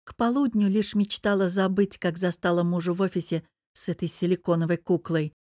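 A woman reading a first-person audiobook in an even, measured storytelling voice. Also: on the low side, dry recording, clean studio sound. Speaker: audiobook narrator.

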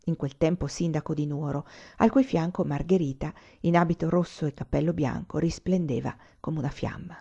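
Warm, low-voiced woman reading a novel. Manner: calm, measured. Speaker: audiobook reader. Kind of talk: literary audiobook narration. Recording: slightly muffled recording.

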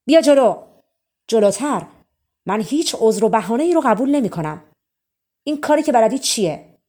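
A woman's voice: on the low side, expressive, darkish tone, close to an everyday voice. A woman voicing a stern storybook king. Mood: angry. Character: stern commanding male king.

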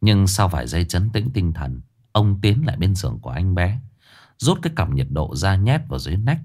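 A man narrating a ghost story in a dramatic, expressive reading. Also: low voice, fairly quick.

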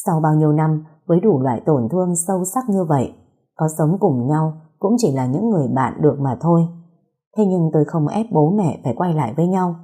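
A woman narrating a first-person story in a steady, somber storytelling manner. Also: deep voice, a little fast, breathy edge.

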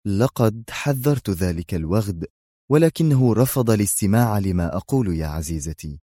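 A man voicing a calm male hero officer who speaks quietly and coldly. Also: fairly low pitch, moderate pace, no room sound, clean studio sound. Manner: quiet, cold and menacing.

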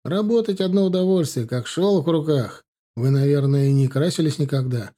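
A man's voice: fairly high pitch, normal speed, mellow, natural voice. A man playing an anxious, fussy male hairdresser who moans fretfully. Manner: fretful, moaning.

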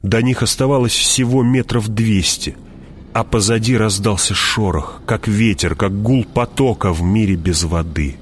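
A man narrating an audiobook in a measured, dramatic way, dropping his voice and slowing down at tense moments. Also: a little hiss or hum. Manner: measured, drops voice low and slows on tense moments.

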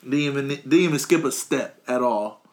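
A man's voice: medium pitch, moderate pace. Young man, blunt and playful. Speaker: podcast co-host. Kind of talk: casual podcast chat.

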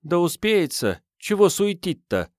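A scruffy homeless teenage girl, as a male audiobook reader puts her on, high and cheeky. She talks in brash street slang and never seems bothered. The sound is close and dry. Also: very animated, measured pace, dry recording. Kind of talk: audiobook reading.

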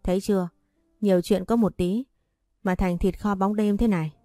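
A woman voicing a calm, shrewd and caring old nanny in a spoken story. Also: medium pitch, normal speed, dry recording, faint music behind, natural voice. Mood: rueful. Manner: calm and cutting.

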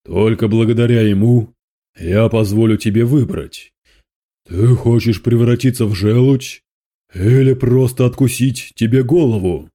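A man's voice: mid-range voice, a little slow, dark tone, lightly acted. A man reading aloud, voicing a spiteful male demon lord who hisses and gloats with scorn. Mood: menacing.

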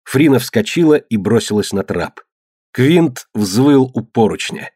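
Guy reading an adventure story, steady and dramatic, mid pitch, no room sound. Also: unhurried, husky, dry recording, studio quality. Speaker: narrator. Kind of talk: scripted audiobook narration.

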